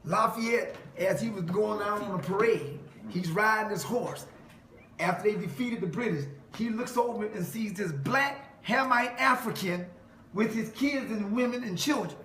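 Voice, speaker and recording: A man's voice: sits high, moderate pace, bright, forceful tone. A man delivering an emphatic preaching monologue to a listener, quoting scripture and laughing mockingly. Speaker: self-styled preacher. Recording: echoey room with faint noise.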